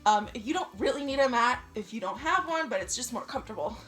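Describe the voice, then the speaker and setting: This young instructor sounds animated, talking quickly in a slightly high, fairly bright voice as she exercises and cues her viewers encouragingly. She runs a fitness channel and films in her home living room with a camera on the floor a few feet away. Echo and soft background music come through.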